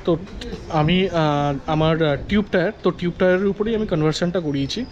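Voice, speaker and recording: A young man from Kolkata, a motorcycle vlogger, gives a halting casual walkthrough with English words mixed in. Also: on the high side, darkish tone, highs cut off, slight background noise. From Kolkata, India.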